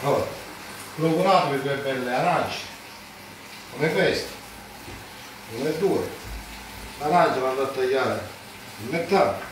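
A man in his forties giving a casual cooking demonstration, talking haltingly and often repeating and correcting himself. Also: mid-range voice, expressive, far from the mic. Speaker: home cook presenting a recipe. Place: home kitchen, indoors. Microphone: phone held by someone a few steps away. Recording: roomy kitchen, off-mic, frying and sizzling noise.

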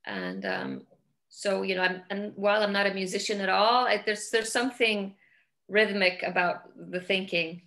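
On a casual video call, a middle-aged Icelandic woman who directs films speaks with an Icelandic accent from a home room with large windows. Her voice sits mid-range, expressive and a bit bright, at normal speed. She searches thoughtfully for her phrasing and often repeats words.

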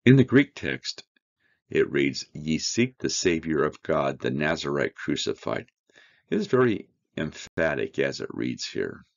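A man teaching a verse-by-verse Bible study, reading scripture aloud and explaining it with slow, earnest emphasis. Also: rumbling low, big pitch swings, gravelly, highs cut off.

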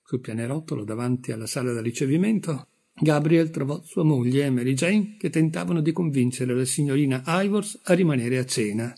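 A man reads a literary story aloud at an unhurried, measured pace. His voice is dark and mellow with a husky edge. The delivery is steady narration. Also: medium pitch. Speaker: audiobook reader.

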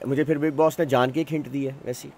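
Loud, foul-mouthed gaming streamer man. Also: mid-range voice, steady tone, quick pace. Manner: loud, crude, swears a lot. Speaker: streamer playing a role-play game. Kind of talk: casual in-game role-play banter. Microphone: headset.

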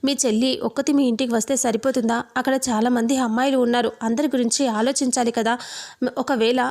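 A woman's voice: on the high side, steady tone, brisk, vocal fry, darkish tone. A woman reading out a defiant young hero. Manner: defiant, warning tone. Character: determined young man defying kidnappers. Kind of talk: retelling a serial scene.

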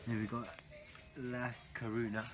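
A man's voice: medium pitch, little pitch movement, moderate pace, poor audio. A man in casual chat, teasing his travel companion on camera in a cruise ship cabin. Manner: dry, teasing. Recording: music playing over the voice.

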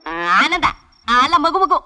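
A man's voice: extremely high pitch, big pitch swings, a little slow, bright, forceful tone, in a large hall, heavily acted. An actor playing a scheming, bumbling man who kidnaps a child, fussy and stammering in a film comedy. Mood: flustered. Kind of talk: 1990s film comedy acting.

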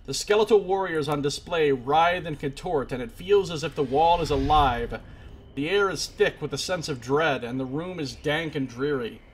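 A male game streamer with a fairly high voice reads fantasy text like a dramatic storybook and drops into casual commentary. There is faint noise and game ambience behind him. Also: moderate pace. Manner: theatrical storybook-style reading. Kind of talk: let's play, reading game text aloud dramatically with casual reactions.

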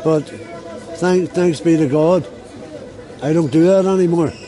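Interviewed on a busy city street, a Belfast man with a Northern Irish accent sits and speaks plainly, frequently repeating words. His slightly high voice is steady, mellow and a little slow, with a faint crowd in the background.

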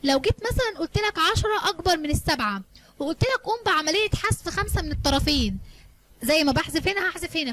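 A woman math teacher with an Egyptian Arabic accent, talking at a very quick clip in a high voice. She leads her pupils through the lesson in a coaxing, colloquial way, posing questions and answering them herself. Faint noise sits under her voice. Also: fairly bright tone. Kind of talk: explaining a lesson to students.

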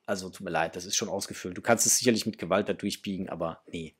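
A middle-aged man with a low, slightly rough voice talks fast as he hosts a toy unboxing for his toy collecting channel. He chats casually with his viewers, gushing with enthusiasm, from a small room in his home.

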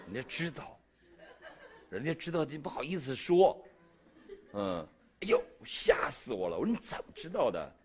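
During a sermon, a middle-aged Chinese preacher with a Beijing accent recounts his testimony and plays out the dialogue. He moves at a moderate pace with frequent pauses, his pitch and loudness jumping as he tells it with animation.

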